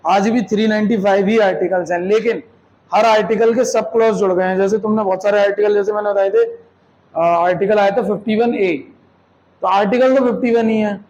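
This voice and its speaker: Mixing English terms into his Hindi, this teacher walks students through a lesson step by step and uses rhetorical questions to check their understanding. His voice is high-pitched and slightly mellow, and the audio is dull.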